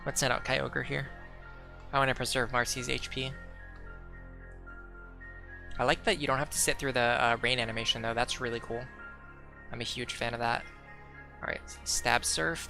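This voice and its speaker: A man's voice: medium pitch, fairly even intonation, moderate pace, gravelly, pauses often, bright, forceful tone. A young man casually commenting while streaming a game, rambling with lots of fillers and restarts. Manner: rambling, many "like" fillers, self-correcting. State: hiccuping. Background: faint background music.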